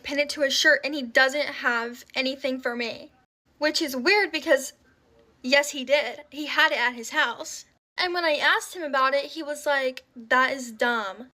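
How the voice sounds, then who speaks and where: A young woman with a high, bright voice tells a personal story in a chatty storytime vlog. She fills her sentences with "like" and acts out what everyone said as she goes. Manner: chatty, filler-heavy with frequent "like"; animated retelling with quoted dialogue.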